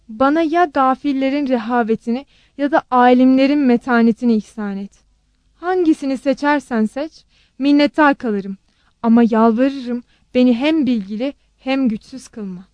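A devout middle-aged aunt, voiced by a woman reader, earnest and anxious, pleading in a soft, heartfelt way. Her voice sits fairly high and sounds close and dry. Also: moderate pace, no room sound, dull audio, natural voice. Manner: pleading prayer, calm replies.

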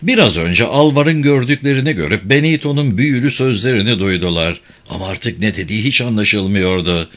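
A man's voice: lowish voice, brisk, few pauses. A man narrating a prison thriller audiobook in a dramatic, scripted reading. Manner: dramatic, expressive.

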